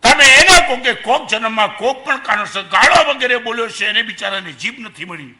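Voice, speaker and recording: High, bright-voiced older man preaching. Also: a little fast. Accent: Gujarati. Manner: animated preaching, swings between soft asides and loud emphasis; rhetorical questions to the audience. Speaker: Jain monk lecturer. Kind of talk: sermon to an assembly.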